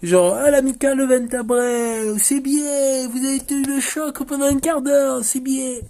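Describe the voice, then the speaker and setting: A man's voice: very high-pitched, steady tone, unhurried, dark tone, voice pushed up. A man voicing smug, complacent male footballers, in a mocking sing-song way. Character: smug, lazy male pro footballers brushing off a loss.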